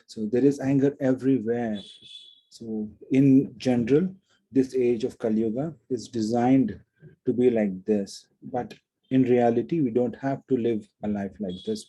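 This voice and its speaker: Earnest guy giving a spiritual talk, retells a story, repeats stuff for emphasis, husky. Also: mid-range voice, dark tone, low-quality recording. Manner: earnest, repetitive emphasis, frequent restarts. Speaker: spiritual speaker.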